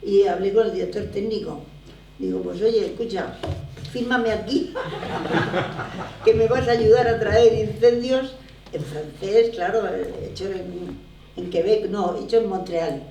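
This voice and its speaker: An older woman with a gravelly, mellow voice tells theatre stories with lively emphasis. She sounds distant in an echoey lecture room with faint background noise. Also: medium pitch, unhurried. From Barcelona, Spain. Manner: animated, emphatic storytelling. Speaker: theatre producer, guest. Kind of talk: conversational interview. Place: lecture room at a drama school.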